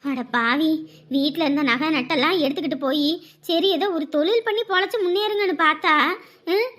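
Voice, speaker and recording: A grumbling old grandmother in a cartoon, voiced by a woman. She scolds in a lower, bright and fast voice, sour and complaining. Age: older.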